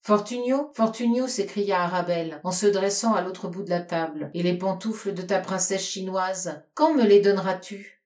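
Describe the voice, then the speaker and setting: A woman's voice: lowish voice, steady tone, moderate pace, few pauses, a little mellow, natural voice. A woman reading a storybook, voicing a bold young woman who calls out in an exclamatory, insistent way.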